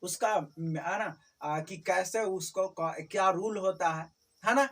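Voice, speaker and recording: A woman's voice: lowish voice, takes it slowly. A woman tutoring a class, repeating each term and checking often that students follow. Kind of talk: classroom teaching. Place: tuition classroom. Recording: distant mic with faint background noise.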